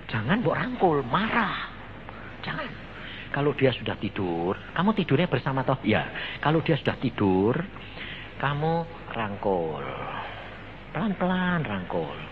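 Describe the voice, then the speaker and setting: Animated preacher with a lilt. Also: male voice, on the high side. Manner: animated storytelling, acting out dialogue, addressing listeners as brothers. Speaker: evangelist preacher. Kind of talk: sermon. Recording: dull lo-fi sound with faint background noise.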